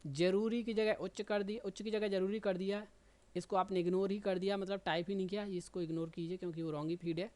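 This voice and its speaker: A man's voice: sits high, fairly even intonation, fast, darkish tone. A man, going through students' stenography test results and correcting their mistakes one by one. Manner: explanatory, corrective, addresses students by name. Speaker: stenography teacher. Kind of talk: result analysis lesson.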